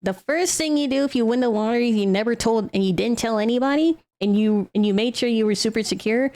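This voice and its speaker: A woman's voice: on the high side, fast talker, warm tone. A woman streamer giving casual live reaction commentary, with repetitive exclaimed interjections.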